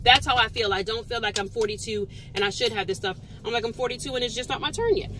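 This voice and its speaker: A woman's voice: on the high side, quick pace. A woman in her forties giving an earnest, casual motivational talk, repeating her points for emphasis. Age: 40s. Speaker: vlogger. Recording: loud outdoor traffic noise.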